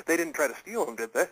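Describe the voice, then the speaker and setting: A man hosting a casual radio interview, talking in halting, stammering restarts. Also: mid-range voice, fairly bright tone, breathy edge, low-quality recording. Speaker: radio show host.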